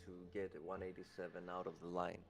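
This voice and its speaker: A man in casual game stream chat, talking relaxed and chatty while guiding a player. His voice is very low and gravelly. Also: fairly quick, a little hiss or hum. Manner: relaxed, chatty, laughs often.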